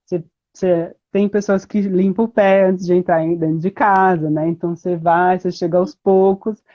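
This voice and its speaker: A woman guest in a casual interview, explaining things in a relaxed way with many fillers over a video call. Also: on the low side, moderate pace. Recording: slightly muffled audio.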